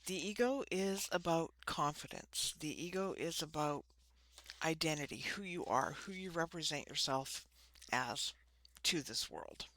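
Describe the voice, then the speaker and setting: Low-voiced woman with a slushy lisp. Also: unhurried, a bit bright, dry recording. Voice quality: lisping, slushy sibilants from ill-fitting dentures. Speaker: host of a spiritual card-reading channel. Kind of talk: informal spiritual talk to camera. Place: small room.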